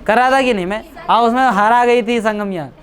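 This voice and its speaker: A woman teaching a history lecture at a coaching class speaks a little fast in a voice on the high side. She keeps checking that students are following, repeats dates, and throws in teasing asides.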